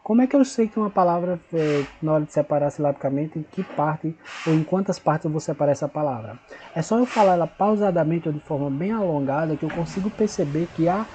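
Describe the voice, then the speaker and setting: A man teaching a recorded lesson, patient and repetitive, slowly spelling out syllables and checking in with his pupils. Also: on the high side, expressive, mellow, a little hiss or hum, low-quality recording.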